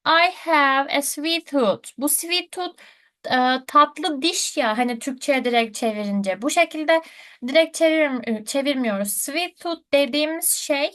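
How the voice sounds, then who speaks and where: A woman's voice: sits high, animated, a little slow, a bit bright. A woman teaching a live online English lesson, patiently checking answers with her students.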